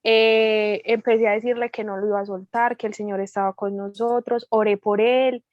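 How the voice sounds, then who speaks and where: A woman with a Colombian accent giving a lively testimony as a guest speaker, acting out the dialogue as she tells it. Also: medium pitch, normal speed, no room sound, lo-fi sound. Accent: Colombian Spanish. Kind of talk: testimony in a prayer meeting.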